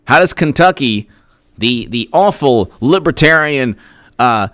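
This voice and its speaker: Guy hosting a commentary stream, sarcastic and emphatic, middle-pitched voice, dry close sound. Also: lively intonation, measured pace, fairly bright tone, dry recording. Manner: sarcastic, emphatic, rattles off statistics; reads out viewer messages. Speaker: host. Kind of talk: political commentary livestream.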